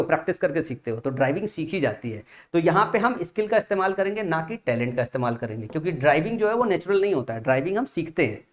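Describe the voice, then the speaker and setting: Patient young male teacher, lecturing. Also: high voice. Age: young adult father. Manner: explains patiently with repeated rhetorical questions; often checks in with "theek hai na". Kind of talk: classroom-style vocabulary lesson.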